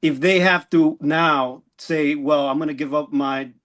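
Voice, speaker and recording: A man co-hosting a casual podcast chat, earnest and indignant, pausing to search for words. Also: fairly high pitch, fairly even intonation, fairly bright tone. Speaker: podcast co-host.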